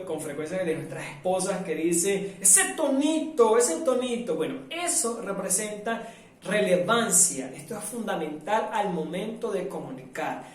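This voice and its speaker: A man from Venezuela teaching a live online public speaking workshop, lively and demonstrative, acting out the sounds he describes. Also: sits high. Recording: very echoey room, mic at a distance.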